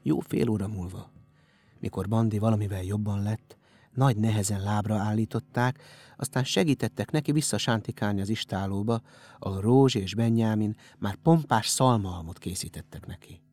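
A man narrating an audiobook in a steady storytelling manner. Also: on the low side. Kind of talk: scripted narration.

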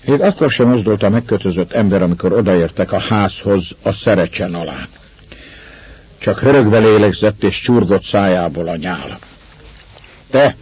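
A man reading a story aloud in measured, steady narration. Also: low voice, husky, no echo, highs cut off. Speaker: audiobook narrator.

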